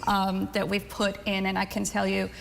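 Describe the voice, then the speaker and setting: Upbeat proud woman, slight fry, long room reverb, faint background noise. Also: medium pitch, completely flat delivery, moderate pace. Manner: upbeat, proud, with fillers and light laughs. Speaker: medical school leader interviewed as guest. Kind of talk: casual interview answers. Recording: roomy hall echo, faint background noise.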